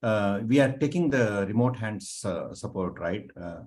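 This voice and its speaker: A man explaining things informally on a video call in an online meeting, in a halting, repetitive way. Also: on the low side, expressive, darkish tone. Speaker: working group participant presenting.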